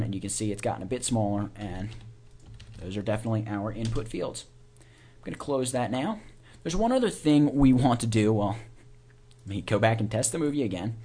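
A man teaching software in a casual screencast, informally talking through each click and keystroke as he does it. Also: medium pitch. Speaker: software tutorial instructor. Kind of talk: casual step-by-step screencast tutorial.

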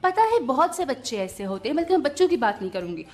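A woman's voice: high voice, very animated, fast, soft background music. A woman hosting a children's show, chatting to the kids and a puppet companion. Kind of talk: talking to children.

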